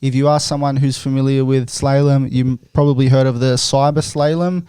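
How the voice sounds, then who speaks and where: A young man hosting a laid-back podcast, his voice smooth and resonant at an ordinary middle pitch. He rambles along with plenty of fillers, and the recording sounds close and dry. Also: little pitch movement, brisk, warm tone, no echo. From Australia. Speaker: podcast host. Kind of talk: casual chat.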